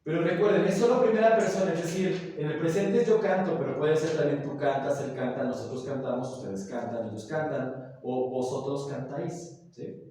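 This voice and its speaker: A man teaches a grammar lesson, laying out each point and checking that his students follow along. His voice sits a bit high for a man but sounds mellow and dark. It is picked up from a distance in a strongly echoing classroom. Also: moderate pace. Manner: explanatory, often checks in with the class. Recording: very echoey room, voice from far off.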